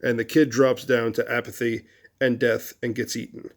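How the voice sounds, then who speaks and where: A man talks through casual relationship advice in a mid-pitched voice, rambling with fillers and restarts. When he acts out angry lines, his voice jumps loud and high. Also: flat delivery, normal speed. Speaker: host of a relationship advice video series. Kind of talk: casual advice monologue with storytelling.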